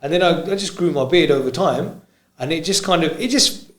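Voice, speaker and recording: A man's voice: a little high, a little fast. A man, a guest DJ chatting casually on a podcast, talking hesitantly with lots of fillers and restarts. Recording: roomy echo.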